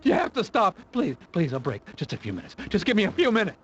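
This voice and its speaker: Man acting a desperate, wheedling captive, swooping pitch. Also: big pitch swings, brisk, dull audio, soft background music, lightly acted. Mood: desperate begging. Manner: wheedling, begging. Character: tormented male captive, desperate, pleading and wheedling.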